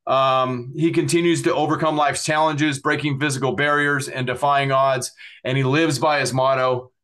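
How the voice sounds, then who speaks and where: A man's voice: mid-range voice, a bit bright. Earnest middle-aged male podcast host. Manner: earnest, repetitive, plugging websites with frequent fillers. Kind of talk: podcast outro and guest thanks.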